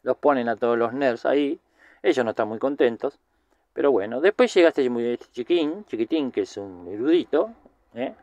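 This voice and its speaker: A man's voice: mid-range voice, animated, normal speed, darkish tone, dry recording, highs cut off. A man with a Rioplatense Spanish accent giving a casual, chatty film recap, rambling with lots of filler words. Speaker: film commentator.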